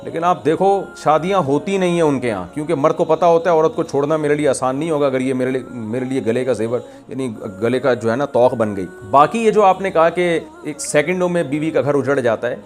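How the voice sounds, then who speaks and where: A man's voice: fairly high pitch, hardly any pauses, darkish tone, soft background music. A man with a Pakistani Urdu accent giving an emphatic religious lecture, explaining with repeated examples. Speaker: Islamic preacher. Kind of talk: religious lecture answering a question.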